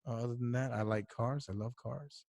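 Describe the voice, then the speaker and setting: A man's voice: mid-range voice, fairly even intonation, brisk, gravelly, a little mellow, no echo, studio quality. Chatty man co-hosting a podcast. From Ecuador. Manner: chatty, laughs often, restarts phrases. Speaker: podcast co-host. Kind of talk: casual chat.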